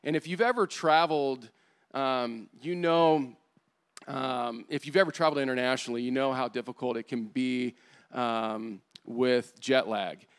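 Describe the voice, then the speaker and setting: A man preaching a sermon, telling a story in an animated way with many fillers. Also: medium pitch, a little slow, clear, resonant tone. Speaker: pastor. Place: church service.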